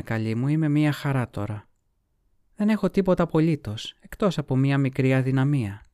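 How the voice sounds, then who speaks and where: A man voicing a languid, secretive young noblewoman in a storybook reading, with soft, sighing delivery. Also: medium pitch, smooth, no room sound, clean studio sound, natural voice.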